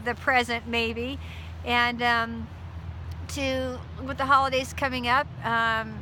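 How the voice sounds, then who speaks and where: A woman co-hosting a casual chat with her husband outdoors, warm and supportive, laughing often. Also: fairly high pitch, level tone, slow, slight background noise. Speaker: co-host, marriage coach. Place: outdoors, rain starting.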